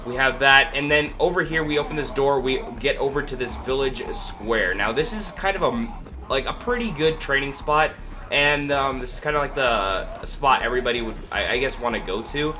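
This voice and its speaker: A congested, sniffling man with a cold hosts a casual gameplay walkthrough, rambling and hesitating with plenty of fillers. His voice is medium-pitched at a normal speed, and music plays behind him. Background noise is clearly audible in the recording.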